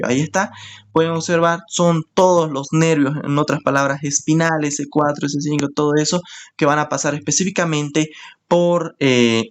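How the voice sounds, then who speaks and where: A man's voice: fairly high pitch, slight background noise. Man, anatomy teacher, step-by-step lesson, repeats key terms, frequent check-ins. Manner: explains step by step, often checks in with "¿ok?". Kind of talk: screen-share anatomy lesson.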